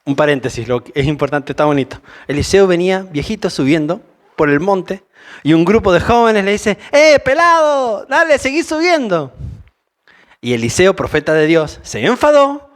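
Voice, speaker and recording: A man's voice: a little high, animated, fairly quick. A man with a Rioplatense Spanish accent preaching a conversational sermon, mixing Bible reading with informal asides.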